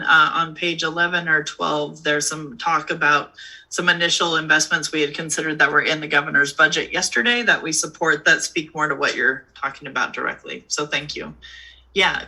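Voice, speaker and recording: A man facilitating a public policy council meeting, thanking speakers and calling on the next in a brisk, courteous way. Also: a little high, bright, forceful tone, low-quality recording. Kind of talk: chairing a meeting.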